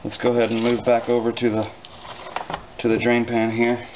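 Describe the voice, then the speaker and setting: A man casually explaining a small engine repair in his home garage, relaxed and dryly joking, with plenty of fillers as he works. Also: mid-range voice, moderate pace, highs cut off, noisy background. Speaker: repair instructor. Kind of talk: casual hands-on repair tutorial.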